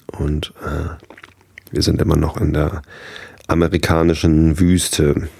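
A young adult man reading a bedtime story in a slow, soft, unhurried way. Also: a bass voice, level tone, creaky, husky, no echo. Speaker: audiobook reader.

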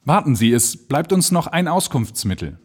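A man's voice: on the high side, sing-song, normal speed, breathy edge, pitched above the performer's own voice. A man voicing a male balloonist who gives urgent commands in a raised voice. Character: male balloonist, desperate but resolute.

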